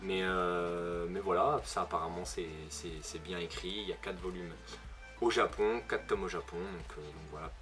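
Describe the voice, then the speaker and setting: In a low, steady, fairly bright voice at normal speed, a young manga video host with a ch'ti accent from northern France chats through a review. He relies on lots of fillers and self-corrections, and music plays behind.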